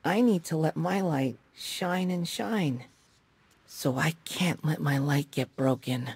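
A woman's voice: low voice, takes it slowly, a little mellow, breathy edge, heavily acted. A woman voicing a small, timid, earnest boy creature of light in a video game, childlike in manner. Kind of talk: video game character dialogue. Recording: faint game ambience behind voice.

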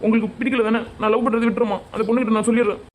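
A woman's voice: fairly high pitch, little pitch movement, racing, a little hiss or hum, natural voice. Woman voicing a crying, pleading cartoon son. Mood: pleading, tearful. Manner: pleading and apologetic. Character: tearful young grown son begging forgiveness. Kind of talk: animated family comedy-drama.

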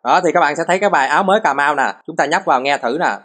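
Guy doing a phone tutorial, kinda high voice, patient, lots of little "here" cues. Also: racing. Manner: patient, repeats short cues like "đó" and "nè". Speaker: host of a phone recording tutorial channel. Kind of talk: step-by-step screen tutorial.

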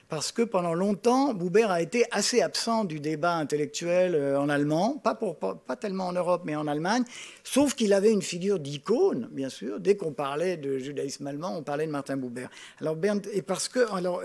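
Higher-pitched older man, digressive moderator. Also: a little mellow. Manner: digressive, hesitant, often restarting sentences. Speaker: moderator introducing a speaker. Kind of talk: informal spoken introduction. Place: on stage at a table in an auditorium. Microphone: gooseneck table microphone.

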